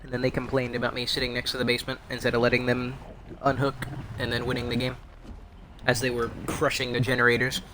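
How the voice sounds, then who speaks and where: Over a background of noise, a young streamer's mid-range voice runs fast and monotone as he casually talks through his gameplay. He rambles wryly, making fun of himself and of other players.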